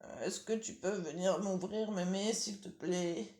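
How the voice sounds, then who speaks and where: A woman's voice: mid-range voice, unhurried, a little mellow, pitched above the performer's own voice, natural voice. A woman doing a starving wolf faking a girl. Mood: hesitant. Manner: hesitant, stammering. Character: skinny hungry male wolf faking a little girl. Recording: roomy echo.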